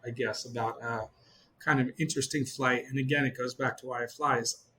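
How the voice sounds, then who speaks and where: A middle-aged man from Israel tells gliding stories in a loose, animated way, stumbling through restarts and fillers. His voice sits at an ordinary middle pitch. A faint noise runs under the recording. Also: a little fast, poor audio. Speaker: glider pilot guest. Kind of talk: casual storytelling interview.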